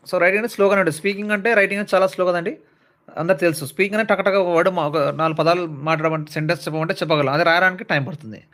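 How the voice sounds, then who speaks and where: A man teaching an English skills lesson in Telugu, reading English definitions slowly and word by word, and checking in often with "right". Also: sits high, a bit bright. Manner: explains in Telugu, reads English slowly and deliberately. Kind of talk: classroom lecture.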